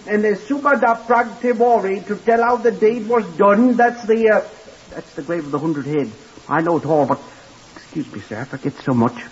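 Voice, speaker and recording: A man with a high-pitched, husky voice acts the part of a simple, eager young lift boy in a hotel, from Blackpool, Lancashire. Deferential and rambling, the boy calls everyone sir. It's old-time radio acting, heard through a muffled recording with hiss.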